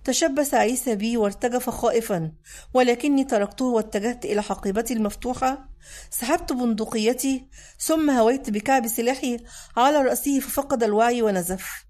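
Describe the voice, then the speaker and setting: A woman narrating a dramatic audiobook in the first person, measured and intense. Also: fairly high pitch, a little mellow.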